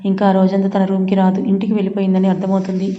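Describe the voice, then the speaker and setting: A woman narrates a romance serial in an even, conversational storytelling manner. Her tone is flat and mellow. The recording sounds dull and echoey, with a long reverb tail. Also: mid-range voice, racing, a little hiss or hum.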